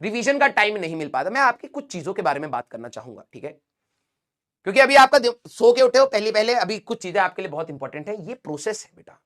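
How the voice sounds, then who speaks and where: A man's voice: high voice, big pitch swings, fast, a bit bright. A young man teaching, giving an earnest motivational talk to exam students and checking in with them often. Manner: earnest, addresses students as beta, frequent "theek hai?".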